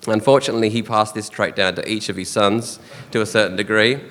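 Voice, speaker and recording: An Australian man giving a fond, earnest funeral eulogy for his father, with soft chuckles between memories. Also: on the low side, steady tone, quick pace. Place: church or funeral hall. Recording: long hall reverb.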